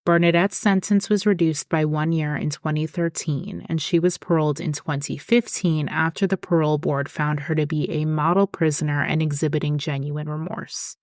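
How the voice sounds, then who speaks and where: A woman hosting a podcast, reading a scripted true-crime narration in a measured, explanatory way. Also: low voice, steady tone, a little mellow, no echo, studio quality. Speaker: podcast host.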